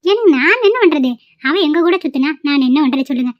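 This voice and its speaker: Actress for a retorting village housewife with a Kongu Tamil accent, high and quick, muffled lo-fi quality. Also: female voice, lively intonation, dry recording. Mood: argumentative. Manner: argumentative, retorting. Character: sharp-tongued village housewife. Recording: dull lo-fi audio.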